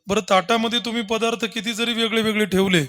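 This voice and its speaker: A man telling a story in a devotional kirtan, animated and addressing the audience. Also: high voice, fast. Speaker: kirtan preacher.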